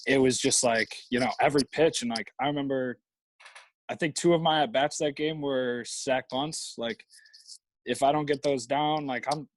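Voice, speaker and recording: A man's voice: mid-range voice, steady tone, normal speed, poor audio. A young man, a college baseball player, telling stories as a guest in a casual interview, rambling with frequent restarts. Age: young adult. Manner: rambling, lots of fillers and restarts.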